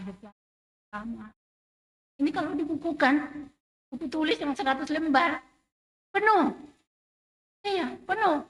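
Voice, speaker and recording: A woman's voice: high voice, low-quality recording. A middle-aged woman giving an emotional, emphatic testimony in a church service. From Indonesia. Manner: emotional, emphatic, rising and falling loudness. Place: church sanctuary.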